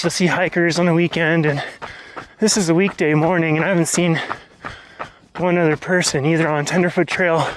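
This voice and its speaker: A man's voice: fairly high pitch, slight background noise. A man hosting a vlog, talking casually and explaining things as he goes, recorded outdoors on a trail. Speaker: vlog host.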